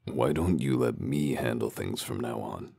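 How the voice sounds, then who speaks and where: A man playing a gruff, world-weary wolf detective in a comic dub, with gravelly voice and dry, sardonic, interrogating delivery. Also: a bass voice, unhurried, dark tone, dry recording, full character voice. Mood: calm, reassuring.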